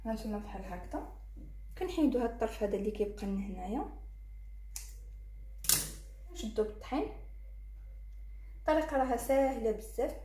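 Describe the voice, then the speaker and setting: A woman's voice: a little high, expressive, fast, long pauses, dark tone, echoey room, a little hiss or hum. A woman with a Moroccan Arabic accent hosting a cooking tutorial, talking viewers through each fold as she works. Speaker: cooking channel host.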